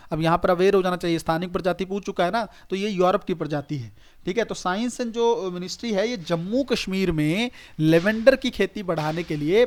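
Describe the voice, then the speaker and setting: A male exam coaching teacher, giving a recorded online lecture in a conversational, repetitive way, often checking "okay" and telling students to write things down. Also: sits high. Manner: addresses students directly, urging them to note things down.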